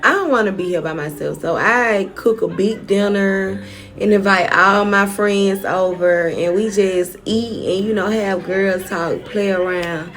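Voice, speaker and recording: A woman's voice: mid-range voice, a little slow, fairly bright tone, soft background music. Candid young woman telling her story. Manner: frank and profane, talks straight to viewers. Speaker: storytime vlogger.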